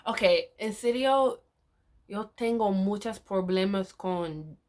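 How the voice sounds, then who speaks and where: English-native woman, casual vlog in learner Spanish, unhurried, mid-pitched, hesitant with frequent self-corrections. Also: darkish tone. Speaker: vlogger.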